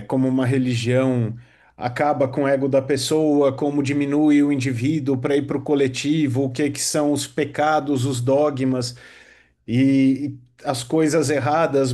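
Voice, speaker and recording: A man hosting a casual podcast conversation, engaged and quick to affirm and build on his guest's points. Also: fairly high pitch, darkish tone.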